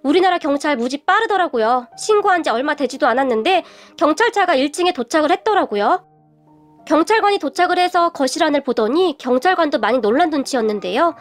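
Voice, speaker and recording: A woman's voice: high-pitched, expressive, brisk, soft background music. A middle-aged woman narrating a personal radio story in the first person.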